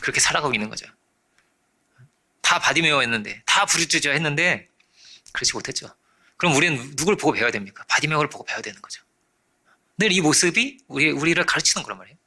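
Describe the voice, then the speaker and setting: A man preaching a sermon as pastor, animated, often checking in with his listeners and acting out the voices in his story. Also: on the high side, fast talker, long pauses. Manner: animated, acts out quoted voices; frequent rhetorical checks to congregation.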